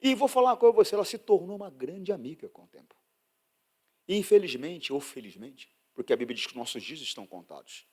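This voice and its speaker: A man with a Brazilian Portuguese accent preaching a sermon as a pastor, swinging from loud outbursts to hushed asides. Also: fairly high pitch, sing-song, fast talker, slightly rough.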